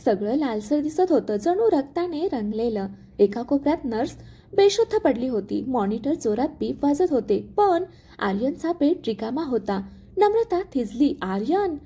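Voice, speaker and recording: Female storyteller, dramatic expressive narration, mellow tone, high voice. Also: normal speed, breathy edge.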